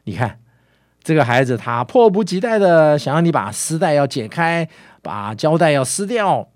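Male preacher, animated storytelling sermon, dry and close recording. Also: a little high, moderate pace, dry recording. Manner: lively storytelling with filler particles.

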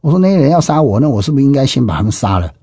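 A man's voice: mid-range voice, sing-song, rapid-fire, mellow, slightly rough, no echo. A middle-aged man with a Taiwanese Mandarin accent tells his own story as a testimony, speaking emphatically and often exclaiming and repeating himself. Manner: emphatic, with frequent exclamations and repetitions. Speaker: interviewee giving personal testimony.

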